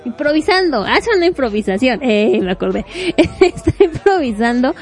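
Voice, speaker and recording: A woman casually recapping a webtoon plot, animated and full of fillers. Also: high-pitched, normal speed, faint music behind. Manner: animated, acts out quotes, fills with este.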